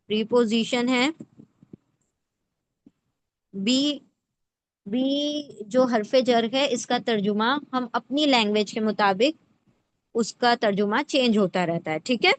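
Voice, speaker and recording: A woman's voice: fairly high pitch, a little hiss or hum. A woman teaching the Quran word by word in a patient lesson, breaking words into parts and often checking in with the listener. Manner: checks in often with rhetorical questions. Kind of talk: explanatory lesson.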